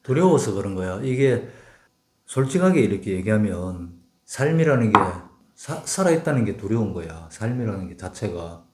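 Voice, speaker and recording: A man's voice: lowish voice, very animated, normal speed, dark tone, a little hiss or hum. An older man from Gyeongsang with a Gyeongsang accent, speaking tersely and bluntly in a casual talk with his wife. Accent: Gyeongsang Korean. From Gyeongsang province, Korea. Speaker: husband in a couple's talk. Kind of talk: casual chat. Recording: roomy echo.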